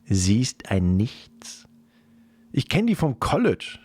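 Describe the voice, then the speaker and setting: A man's voice: wildly swooping pitch, a little mellow, slightly rough, dry recording, full character voice. A man voicing a panicky young boyfriend who stammers and pleads in a raised voice. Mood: pleading. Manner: high-pitched, fast, stammering pleading.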